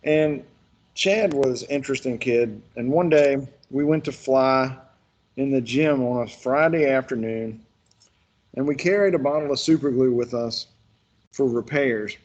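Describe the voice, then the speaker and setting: A man's voice: medium pitch, unhurried, darkish tone, highs cut off. A man leading a workshop, telling folksy stories in a rambling way with lots of restarts. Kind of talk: casual virtual workshop instruction.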